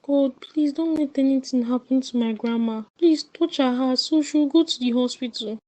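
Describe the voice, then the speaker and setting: A woman's voice: sits high, normal speed, a little mellow, dry recording, close to an everyday voice. A woman voicing a frightened young granddaughter pleading with her grandmother. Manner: pleading, anxious.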